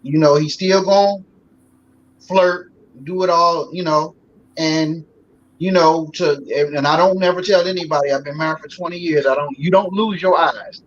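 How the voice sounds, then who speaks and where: A man's voice: a little high, fairly even intonation, moderate pace. A man in his forties, a guest on a talk show, talking in a loose, folksy way with lots of fillers. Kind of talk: casual talk show conversation. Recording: slightly dull sound with faint noise.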